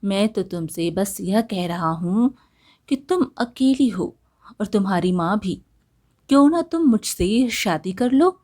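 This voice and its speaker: A woman's voice: medium pitch, lively intonation, takes it slowly, mellow. A woman voicing a sleazy middle-aged male village merchant who talks in a smarmy, wheedling way.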